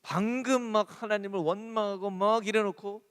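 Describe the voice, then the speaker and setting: A male pastor preaching a sermon, animated and repeating key lines softly. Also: high-pitched, moderate pace, clear, resonant tone, long reverb tail. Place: church sanctuary.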